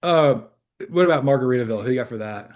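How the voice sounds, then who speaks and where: A man's voice: mid-range voice, expressive, fast talker, a little mellow. A man co-hosting a sports podcast, chatting in a jokey, casual way and laughing often. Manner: jokey, laughs often, playful quoted voices. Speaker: podcast co-host.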